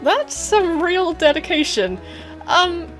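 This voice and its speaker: A woman's voice: extremely high pitch, very animated, takes it slowly, fairly bright tone, faint music behind, heavily acted, poor audio. A woman voicing a blunt, spirited teenage girl trainer in a cartoon game story. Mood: casual, curious. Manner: casual, outspoken.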